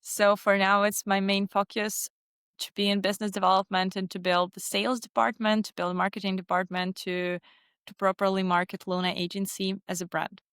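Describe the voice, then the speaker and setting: Ukrainian-accented woman, smooth dry voice. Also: medium pitch, flat delivery, fairly quick, fairly bright tone, no echo. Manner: non-native phrasing with frequent restarts. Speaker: guest, agency founder. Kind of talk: casual interview answers.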